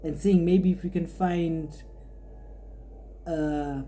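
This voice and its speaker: This is a casual podcast monologue from a twenty-year-old woman who hosts the show and studies art. Her voice sits on the low side and sounds dark and steady, moving at a slow pace as she reflects aloud, rambling and frequently starting over.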